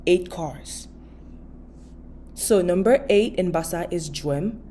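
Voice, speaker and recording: A woman giving a patient, casual video language lesson, repeating each word slowly and explaining step by step. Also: fairly low pitch, expressive, warm tone, a little hiss or hum. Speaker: language teacher.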